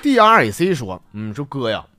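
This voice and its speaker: A man's voice: mid-range voice, wildly swooping pitch, moderate pace, dry recording. A man, hosting a podcast and reading listener jokes aloud, chuckling through the punchlines and acting out the quoted lines. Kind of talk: comic joke reading. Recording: loud music bed under the voice.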